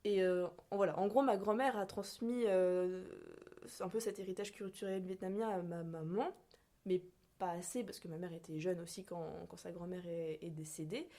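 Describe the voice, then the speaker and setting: A young woman from France chats in a relaxed, unscripted way. She hesitates often, trails off and fills pauses while hunting for the right words. Her voice sits at an ordinary middle pitch. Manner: hesitant, searching for words, many fillers. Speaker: podcast guest. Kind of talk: casual conversation.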